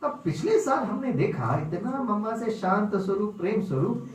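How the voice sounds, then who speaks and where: A man's voice: high voice, big pitch swings, normal speed, slight background noise. A man giving a spiritual class, telling stories, acting out voices and asking the audience questions. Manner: storytelling, acts out voices, asks the audience. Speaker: spiritual teacher. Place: lecture hall with audience. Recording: echoey hall mic from far off.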